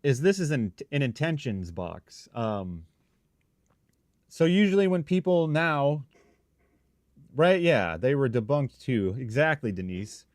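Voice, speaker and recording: A man's voice: medium pitch, expressive, slow pace, pauses often, no room sound. A man hosting a live stream, talking informally and thinking aloud in rambling, broken phrases as he chats with viewers. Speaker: livestream host, paranormal investigator. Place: shop.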